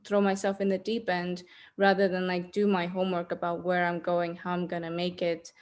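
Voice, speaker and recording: A woman's voice: lowish voice, monotone, fairly quick, darkish tone. Candid Estonian woman in her thirties. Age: 30s. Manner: candid, reflective, many ums and uhs. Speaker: podcast guest. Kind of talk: podcast interview.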